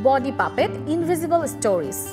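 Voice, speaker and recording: A woman's voice: high voice, big pitch swings, normal speed. A woman reading a formal, literary scripted television feature narration. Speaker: segment narrator. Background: music behind the voice-over.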